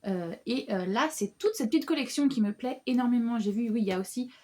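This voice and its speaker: A young woman talks through her winter reading list in a loose, animated way, full of little fillers and quick restarts. Her voice sits a touch high and stays friendly and conversational throughout. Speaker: book vlogger. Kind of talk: casual book haul chat.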